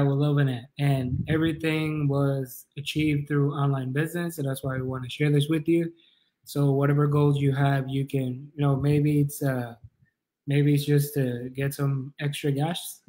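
Livestreaming from a kitchen or living room at home, a thirtysomething business coach with a Jamaican accent rambles through a casual tutorial, informal and encouraging. His voice is a little high, and the recording is rough.

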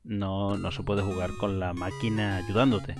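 Man, gameplay commentary, lowish voice, faint game music behind. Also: a little slow. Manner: excitable, frustrated outbursts and self-talk. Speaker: gaming video host.

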